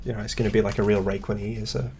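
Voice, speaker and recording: A man's voice: lowish voice, little pitch movement, very fast, creaky, mellow, slight background noise. A man hosting a casual chat about competitive games, rambling with lots of fillers and wry asides. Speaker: podcast host.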